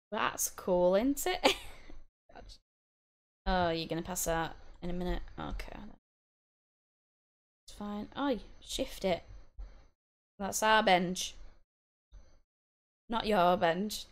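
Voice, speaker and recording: A woman giving casual, chatty commentary while playing a life-sim game, giggling, talking to her characters and breaking into excited bursts. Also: medium pitch. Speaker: gaming channel host.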